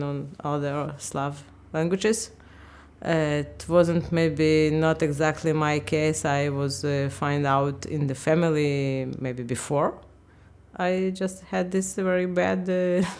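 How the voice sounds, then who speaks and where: A woman in her fifties from Ukraine, speaking English, talks haltingly in a candid interview and often searches for words. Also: low voice, darkish tone, smooth. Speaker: interviewee, language teacher.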